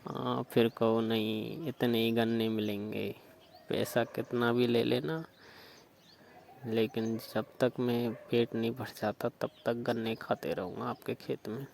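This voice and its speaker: On a recorded, staged flirtatious phone call, a man with a gravelly, creaky mid-pitched voice talks in an unhurried, flat intonation. He is insistent and suggestive, asking question after question, while a faint hiss sits on the line.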